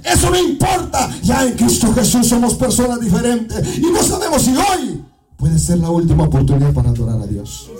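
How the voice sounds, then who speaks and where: A fervent Guatemalan preacher with a high voice who keeps calling his listeners "beloved brother". His sermon builds into shouted, half-sung peaks. He is picked up from across the room, with soft music underneath. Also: huge pitch swings, normal speed, recorded from a distance, poor audio. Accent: Guatemalan Spanish. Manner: impassioned, shouting and half-singing climaxes; repeats "amado hermano" as a refrain. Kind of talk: evangelical sermon.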